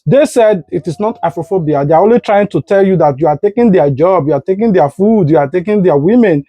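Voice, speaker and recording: A man delivers news commentary in a raised, mellow voice. His talk is earnest and deliberate, and it sounds close and dry with no room around it. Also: high-pitched, animated, dry recording. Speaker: news vlog host. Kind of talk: commentary to camera.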